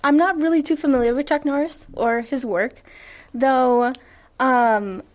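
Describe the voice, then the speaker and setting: Bubbly high-voiced young woman guest. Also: unhurried. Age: late 20s. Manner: enthusiastic, giggly, with frequent fillers. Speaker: podcast founder and guest. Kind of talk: radio interview.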